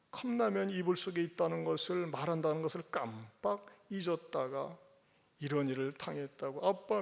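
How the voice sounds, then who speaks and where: A man's voice: a little high, vocal fry. A male pastor preaching a Sunday sermon, addressing the congregation directly and reading a story aloud. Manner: animated, teasing the congregation, reads a story aloud.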